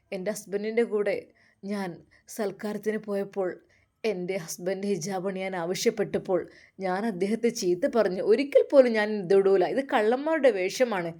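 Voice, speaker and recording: Woman doing a sorry young wife, mellow soft voice, confiding. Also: mid-range voice, lightly acted. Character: young wife, remorseful and troubled.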